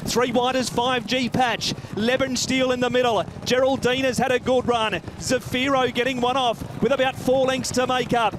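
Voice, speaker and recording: A man's voice: very high-pitched, little pitch movement, normal speed, few pauses, background noise. A man working as a race caller, giving a live running commentary on horse racing.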